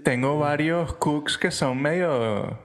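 A man's voice: fairly high pitch, slow. Chef guy on a podcast, loose slangy joking chat. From Latin America. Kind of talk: casual chat.

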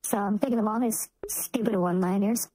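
A woman's voice: mid-range voice, a little fast, warm tone, husky, dry recording, poor audio. A woman guest on a podcast in casual chat, dropping dry, short quips.

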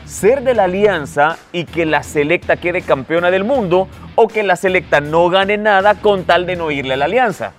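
A man's voice: high-pitched, lively intonation, normal speed, few pauses, soft background music. A man hosting a casual podcast, reading out fan questions in an upbeat, teasing way.

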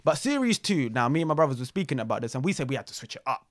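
A young man with a London roadman accent hosting a talk show in animated slangy chat, repeating phrases for emphasis. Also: mid-range voice, very fast, dry recording, studio quality. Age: young adult.

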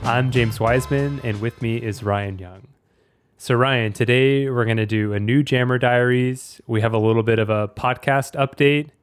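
A man's voice: mid-range voice, steady tone, normal speed, clean tone, dry recording, soft background music. A man hosting a podcast in a casual, fluent, talkative way. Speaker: podcast host.

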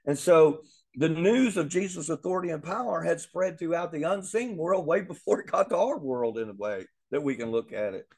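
A man's voice: a little high, expressive, moderate pace, vocal fry, darkish tone, husky. A man teaching a Bible lesson in an earnest way, often repeating words as he thinks aloud.

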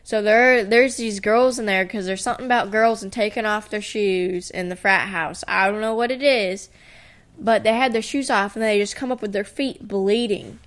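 A woman's voice: mid-range voice, moderate pace. A woman in her twenties co-hosting a casual podcast, telling anecdotes bluntly with slang, swearing and acted-out quotes. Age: 20s. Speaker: podcast co-host.

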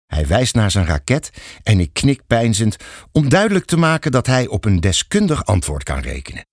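Expressive, husky male storyteller. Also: fairly low pitch, normal speed, no room sound, clean studio sound. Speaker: audiobook narrator. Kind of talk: scripted storybook narration.

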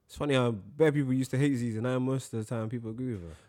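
A man's voice: mid-range voice, racing, mellow. A young man with a London roadman accent, co-hosting casual banter in a colloquial, questioning way. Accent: London, urban roadman slang.

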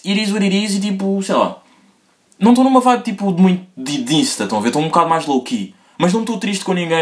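A young man hosting a solo podcast in a rambling, slangy, casual way, his pitch jumping up when he gets excited. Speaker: podcast host.

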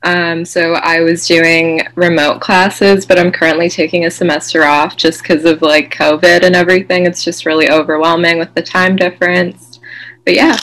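A young woman from Malaysia speaks as a guest over a video call. Her voice sits lower than most, and she talks hesitantly, pausing on "um" and "you know". The delivery stays casual. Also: level tone, fairly bright tone, a little hiss or hum, rough recording. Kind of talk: casual chat.

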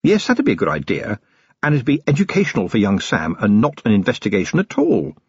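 A man's voice: on the low side, huge pitch swings, brisk, husky, dry recording, highs cut off, heavily acted. A man playing a weary, sarcastic policeman in bed talking with his wife, in an audiobook. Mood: wry. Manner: dry, sarcastic. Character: weary, sardonic policeman husband.

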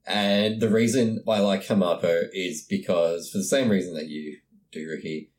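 A man's voice: deep voice, moderate pace, darkish tone. A man co-hosting a casual podcast chat, joking and rambling with self-mocking asides. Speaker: podcast co-host.

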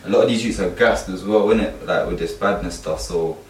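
Deep-voiced and a little fast, a man from London chats casually using emphatic street slang, in the manner of a youth mentor; he also teaches a course. The recording is roomy and distant, with faint background noise.

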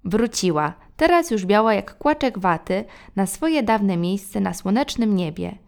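A woman narrating a children's storybook in a gentle, measured way. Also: medium pitch, expressive, gravelly.

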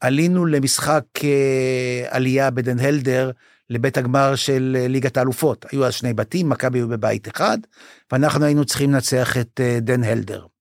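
Older man telling animated stories. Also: medium pitch, dry recording, studio quality. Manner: animated storyteller, acts out quoted dialogue; emotional, says he is moved. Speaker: former basketball club manager, guest. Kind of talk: storytelling in a podcast interview.

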